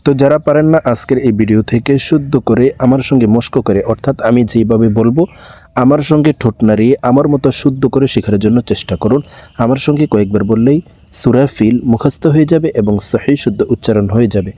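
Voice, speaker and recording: A man's voice: mid-range voice, warm tone, no room sound. A man giving a patient, step-by-step Quran reading lesson, explaining pronunciation rules. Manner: patient, explains pronunciation rules, then recites slowly and drawn out. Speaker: Quran recitation teacher.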